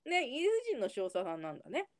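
A woman's voice: fairly high pitch, huge pitch swings, rapid-fire. A woman co-hosting a casual chat, retelling the scenes of a TV episode and laughing often. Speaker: co-host recapping a TV episode.

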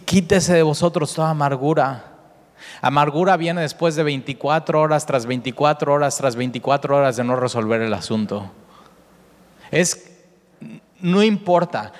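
A man preaches a sermon in a church sanctuary, his voice sitting at an ordinary pitch. He speaks earnestly, often stopping to rephrase and circle back to a point. A long hall reverb trails after each phrase. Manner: earnest, repeats himself, often rephrases with "o sea". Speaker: pastor.

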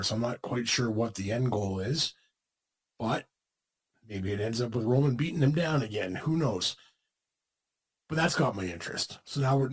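A husky-voiced man co-hosting a podcast. He chats casually, rambling and restarting his sentences as he goes. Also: on the low side, low-quality recording. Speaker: podcast co-host. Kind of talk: casual wrestling chat.

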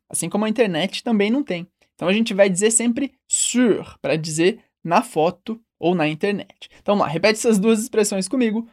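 A Brazilian woman leads a French lesson in Portuguese, drilling short phrases. She says each model sentence slowly and with careful pronunciation, then prompts the listener to repeat. Her voice sits at an ordinary middle pitch for a woman. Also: a little mellow. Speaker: French teacher.

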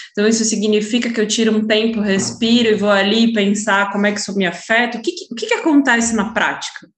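Brazilian woman asking questions in an echoey room. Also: a little high. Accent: Brazilian Portuguese. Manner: hesitant, thinking aloud with restarts. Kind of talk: casual conversational questioning.

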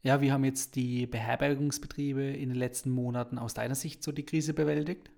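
A man hosting a podcast, talking in a calm, measured way and asking his guest questions. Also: mid-range voice, creaky. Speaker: podcast host. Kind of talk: casual podcast conversation.

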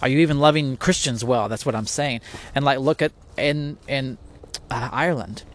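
Man, mid pitch, casual monologue, rhetorical questions, restarts. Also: normal speed.

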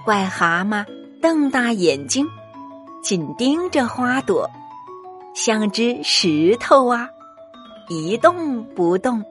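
A woman's voice: a little high, sing-song, slow, long pauses. A woman narrating a scripted story for young children as a storyteller. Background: music.

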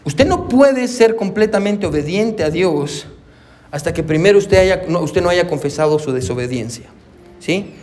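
A pastor preaching a sermon with lively delivery, peppering his points with "amén" and acting out little conversations. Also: high-pitched, moderate pace. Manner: animated preaching, punctuated with frequent "amén"; acts out little dialogues with congregants and his wife.

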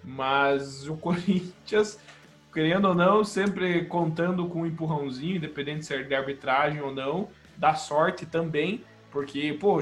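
A man with a Brazilian accent giving colloquial, opinionated commentary in a casual sports discussion. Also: a little high. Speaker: sports podcast panelist. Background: background music.

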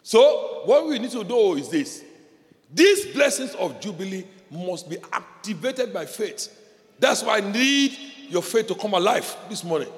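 A pastor preaching a sermon with passion, repeating phrases and leading the congregation in call-and-response. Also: male voice, sits high. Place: church hall. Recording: reverberant hall with faint background noise.

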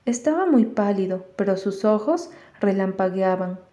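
Mellow-voiced woman reading an audiobook. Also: mid-range voice, lively intonation, moderate pace. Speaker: audiobook narrator. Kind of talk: scripted audiobook narration.

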